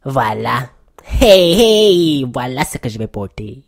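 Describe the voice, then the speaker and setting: A woman's voice: extremely low pitch, sing-song, gravelly, faint music behind, full character voice. Woman playing a brash, mocking young woman. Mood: excited. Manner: bold, teasing, quick-tongued. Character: brash gossipy young woman, proud of her accent. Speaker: lead character in an audio web series. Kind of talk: amateur audio drama acting.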